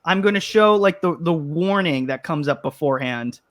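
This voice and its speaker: Chatty male podcast host, slightly high. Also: moderate pace, a bit bright. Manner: rambling, restarts, reads chat comments aloud. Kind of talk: casual panel chat.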